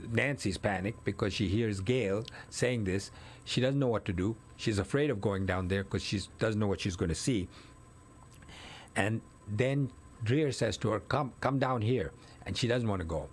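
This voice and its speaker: This guest speaks in a lowish male voice at a moderate pace, with a slight hiss or hum in the audio. Chatting casually, he walks through a murder case in careful detail, full of fillers and self-corrections.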